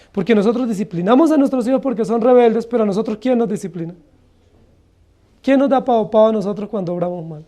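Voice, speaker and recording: A man's voice: sits high, dark tone. A man with a Colombian accent preaching an expository sermon as a pastor, earnestly asking the congregation one rhetorical question after another. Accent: Colombian Spanish.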